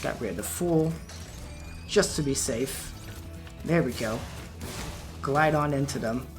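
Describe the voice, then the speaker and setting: A man giving relaxed, chatty commentary while playing a video game, his voice wearing out. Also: mid-range voice, slow, music in the background. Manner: relaxed, chatty, laughs at his own mistakes. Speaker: let's play gamer. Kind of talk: casual gameplay commentary.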